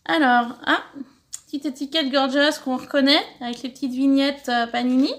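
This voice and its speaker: A middle-aged woman from France hosting a scrapbooking channel, chatting warmly as she opens fan mail, thanking senders and sometimes stumbling over her words. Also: high-pitched, fairly even intonation, moderate pace. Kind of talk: casual mail-opening vlog.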